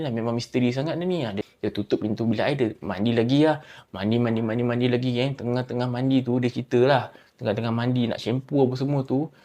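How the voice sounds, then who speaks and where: A man who tells a horror story in a chatty way. He speaks straight to his listeners and uses dramatic pauses. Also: mid-range voice, dark tone. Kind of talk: casual spooky story narration.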